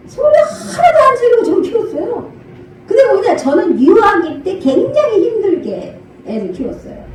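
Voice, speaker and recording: An older woman pastor preaching a sermon, animated, acting out parent and child voices and laughing often. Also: high-pitched, slight background noise. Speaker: senior pastor. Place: church sanctuary. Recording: echoey church hall from far off.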